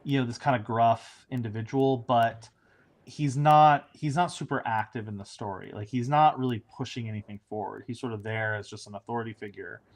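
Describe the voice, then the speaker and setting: A man's voice: medium pitch, fairly even intonation, fairly quick. A man, a showrunner, chatting casually in an interview, rambling with frequent restarts and fillers.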